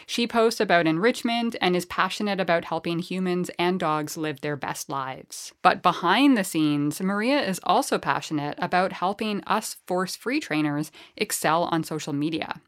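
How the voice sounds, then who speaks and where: A woman's voice: fairly low pitch, moderate pace, few pauses. A woman who hosts a podcast and trains dogs, introducing and interviewing a guest in an enthusiastic, chatty way. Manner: enthusiastic and chatty, with fillers and restarts. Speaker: podcast host and dog trainer.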